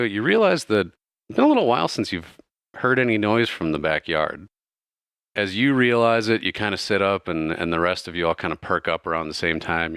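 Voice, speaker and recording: A man's voice: sits low, a bit bright, clean tone, no echo, clean studio sound. A man narrating a tabletop game as game master, in a loose, casual way full of fillers.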